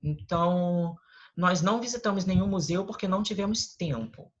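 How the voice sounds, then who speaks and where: Over a video call, a Brazilian English teacher with a Brazilian Portuguese accent patiently explains an online lesson step by step, often adding tag questions. His mid-range voice keeps a moderate pace, and the lo-fi call audio carries faint noise.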